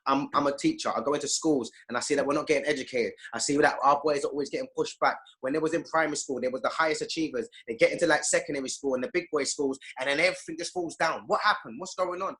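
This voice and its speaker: On a video call, a guest speaker who works as a youth activist talks with passion in an interview, his pitch on the high side and his tone fairly bright. He moves at a quick pace with few pauses, preaching emphatically and acting out the people he quotes.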